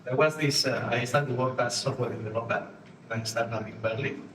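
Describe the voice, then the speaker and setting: A man from Spain with a Spanish accent, giving a live conference talk with halting phrasing and frequent restarts while acting out postures and inner voices for the audience. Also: mid-range voice. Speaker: conference speaker. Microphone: distant room mic. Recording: echoey room from far off, faint noise.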